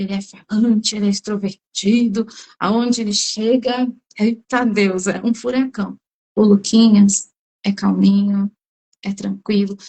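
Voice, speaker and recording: A woman's voice: medium pitch, mellow, low-quality recording. A middle-aged Brazilian woman giving a church testimony, telling the story and acting out her own cries in the quoted lines. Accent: Brazilian Portuguese. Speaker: speaker at a women's church meeting. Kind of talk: testimony sermon.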